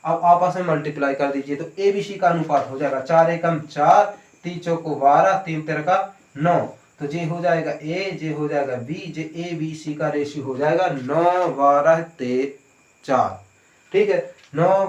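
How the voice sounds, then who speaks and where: A man's voice: a little high, unhurried, muffled recording. A man teaching an exam-prep maths lesson, explaining step by step and asking questions before answering them himself. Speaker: maths tutor. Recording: echoey room.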